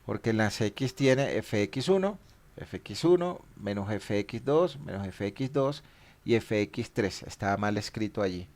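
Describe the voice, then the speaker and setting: A man's voice: on the low side, lively intonation, a little slow, darkish tone. A man teaching a statics class, explaining equations patiently and stopping to correct his own mistakes.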